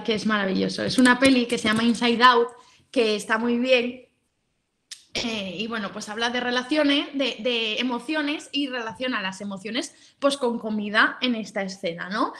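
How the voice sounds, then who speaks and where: A woman's voice: fairly high pitch, bright, forceful tone. Chatty Spanish woman hosting a livestream. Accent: Spain Spanish. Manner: chatty, explanatory, many fillers and rhetorical questions. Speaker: host of a live session on children's eating. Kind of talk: live-stream talk reading chat comments.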